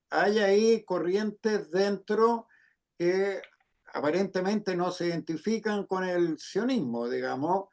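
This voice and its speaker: Male host, slow and measured, fairly high voice, hesitant questioner. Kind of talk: conversational interview, questioning.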